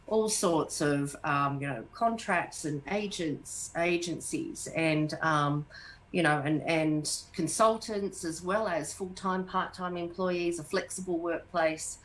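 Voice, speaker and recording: A middle-aged woman with an Australian accent, an HR manager answering interview questions in a measured, explanatory way and listing points with filler words. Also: on the low side, slight background noise, low-quality recording.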